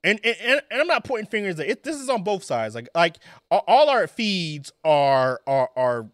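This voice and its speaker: Guy cohosting a podcast, bright lively voice, trips over his words a lot, dry close sound. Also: high voice, normal speed, no echo. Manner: stammering, repeats words when making a point. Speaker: podcast co-host. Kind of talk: casual chat.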